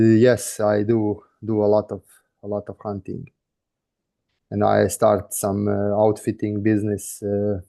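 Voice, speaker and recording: A man from Serbia with a Serbian accent, answering interview questions hesitantly over a video call, pausing often. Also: fairly low pitch, mellow. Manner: hesitant, many pauses and fillers. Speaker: guest, hunting outfitter.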